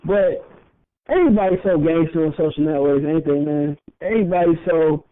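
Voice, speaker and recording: A man's voice: on the high side, brisk. A young man co-hosting a podcast in casual chat, rambling, swearing and laughing often as he talks. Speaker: podcast co-host. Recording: tinny phone-like audio.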